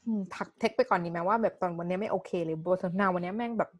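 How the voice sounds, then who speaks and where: A young woman in casual chat, telling a personal story with animated delivery and English words mixed in. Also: fairly low pitch, fast talker.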